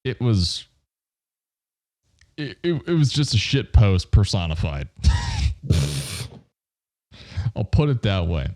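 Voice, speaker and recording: Young dude with a lowish voice, swears constantly, teases his cohost. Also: sing-song, takes it slowly, pauses often, a little mellow. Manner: crude, teasing, laughs a lot. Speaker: podcast co-host. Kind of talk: casual chat.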